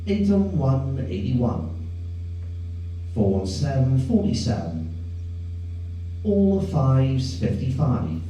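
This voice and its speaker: A man working as a bingo caller, reading out numbers in a measured, repetitive sing-song formula. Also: medium pitch. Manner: measured, repetitive call pattern with swinging intonation. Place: echoey bingo hall, recorded from a distance. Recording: distant, echoey, dark sound with faint hum.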